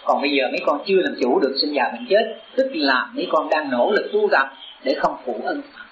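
An animated, high-pitched man speaks fairly quickly as a Buddhist teacher exhorting his disciples, his earnest sermon building to urgency. The audio is reverberant, dull and lo-fi, with slight background noise.

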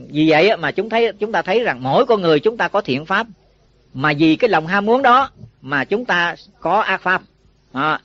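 A man's voice: sits high, fairly bright tone, no echo. A man, a Buddhist monk teacher giving a folksy dharma talk to monks, often asking them questions. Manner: folksy, asks listeners questions. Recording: dull lo-fi recording.

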